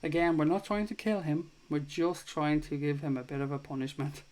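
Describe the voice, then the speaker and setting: His voice is a little high and his intonation fairly even as he talks briskly. This Irish man in his thirties hosts a casual football chat stream live, reading viewer comments aloud, swearing casually, and warmly thanking his audience.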